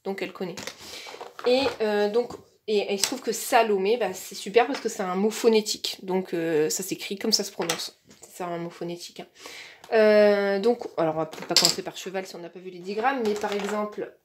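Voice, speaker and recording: A woman casually explaining how to teach young children to read, chatty and full of fillers, slowing down to demonstrate. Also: mid-range voice, noisy background. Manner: chatty with frequent fillers and repeated words; slows down and stretches words when demonstrating to a child.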